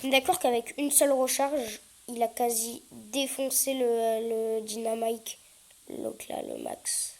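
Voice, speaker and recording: A high-pitched woman gives casual commentary over her gameplay, slow and unhurried, with a gravelly fry in her voice. She hesitates often and breaks out in sudden excited yelps. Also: rough recording. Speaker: gaming YouTuber.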